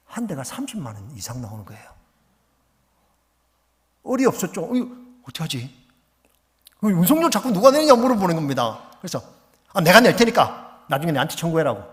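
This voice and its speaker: A middle-aged man, a missionary preacher, telling a lively story in a sermon and acting out the phone calls. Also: on the high side. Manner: animated, acts out phone calls and exclamations. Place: church sanctuary. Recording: long reverb of a church hall.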